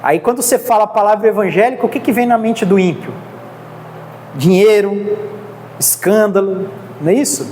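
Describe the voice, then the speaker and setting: A woman's voice: medium pitch, normal speed, long pauses, warm tone. A woman with a Brazilian accent teaching a theology class, earnest and exhorting. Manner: earnest, exhorting, keeps addressing the class as brothers. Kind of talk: church class lecture. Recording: reverberant hall with faint noise.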